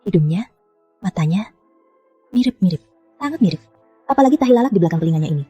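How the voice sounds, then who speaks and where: A middle-aged woman dubbing a wealthy mother who scolds briskly and sharply. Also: fairly low pitch, expressive, warm tone, breathy edge, soft background music. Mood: moved. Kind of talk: dubbed drama acting.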